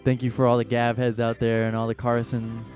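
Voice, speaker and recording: A man's voice: mid-range voice, completely flat delivery, a little fast, darkish tone, soft background music. A man co-hosting a podcast in casual chat, chiming in with short laid-back remarks. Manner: brief laid-back interjections. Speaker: podcast co-host.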